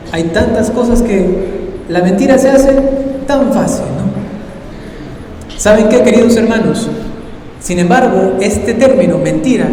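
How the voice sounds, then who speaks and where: A man's voice: sits high, warm tone, distant mic, a little hiss or hum. A male priest giving a conversational sermon, often tossing rhetorical questions to the congregation. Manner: conversational preaching with frequent rhetorical "¿no?". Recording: echoey hall, voice from afar.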